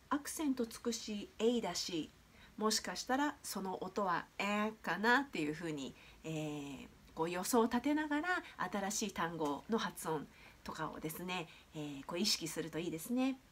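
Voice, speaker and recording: Woman pronunciation teacher, animated intonation, patient and explanatory, lots of filler sounds. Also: medium pitch, breathy edge. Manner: explanatory, with frequent hesitation fillers.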